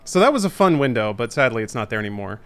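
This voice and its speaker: A man's voice: mid-range voice, sing-song, fast talker, fairly bright tone, clear, resonant tone. A man co-hosting a podcast, telling a story in a wry, casual way. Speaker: podcast co-host. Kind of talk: casual chat.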